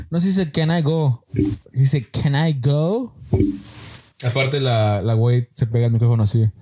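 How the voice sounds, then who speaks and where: A man's voice: mid-range voice, darkish tone. Joking Mexican man hosting a podcast. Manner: joking, mocking mimicry, laughs often. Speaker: podcast host. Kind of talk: casual solo podcast monologue.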